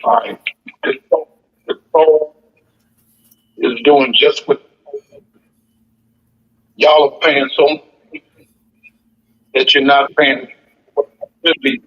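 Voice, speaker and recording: A man's voice: medium pitch, little pitch movement, slow pace, pauses often. A man calling in over a crackly phone line on speaker that fades in and out, earnestly lecturing and repeating himself for emphasis. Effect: crackly phone line on speaker, fading in and out. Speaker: caller.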